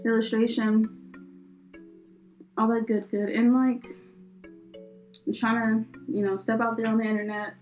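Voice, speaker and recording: A young woman from the US co-hosts a casual podcast, her slightly high voice rambling through fillers and breaking into frequent laughter. Faint music plays softly underneath. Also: little pitch movement, measured pace, pauses often, poor audio. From United States. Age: young adult. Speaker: podcast co-host. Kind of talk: casual chat.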